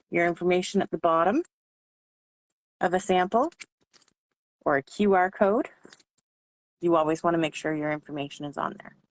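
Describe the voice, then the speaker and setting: Low-voiced, hoarse woman giving informal training. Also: low-quality recording. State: losing her voice, hoarse. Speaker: sales trainer for direct-selling consultants. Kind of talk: informal training talk, explaining tips.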